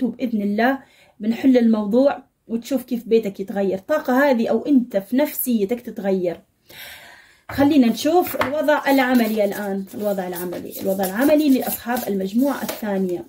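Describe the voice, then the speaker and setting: A woman's voice: on the high side, warm tone, breathy edge. A woman giving a tarot reading to her viewers, addressing them directly and scolding them with blunt advice. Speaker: tarot reader. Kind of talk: fortune-reading monologue to viewers.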